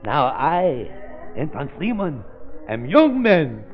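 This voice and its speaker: An actor playing a very old, vengeful mad scientist who gloats theatrically in broken English in 1930s radio style. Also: male voice, on the high side, big pitch swings, takes it slowly, full character voice. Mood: mad glee. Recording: muffled old radio recording, organ music.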